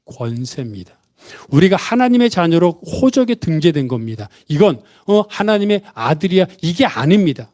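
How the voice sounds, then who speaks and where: Male pastor, high-pitched, lively sermon, voices the characters he quotes. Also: moderate pace. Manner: asks the congregation questions and has them repeat after him; acts out the father's and son's words in quotes. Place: church.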